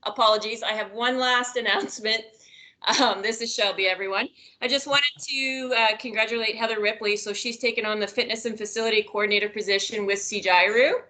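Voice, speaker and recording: A woman's voice: on the high side, steady tone, fairly quick, pushed and bright. A woman giving upbeat staff announcements on a work video call from home. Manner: upbeat, giggly after a mishap. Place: home office.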